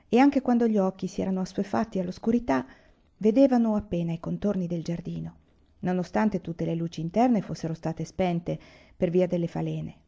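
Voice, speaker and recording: A woman reading a novel aloud in a calm, measured way. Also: lowish voice, vocal fry, muffled recording. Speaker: reader.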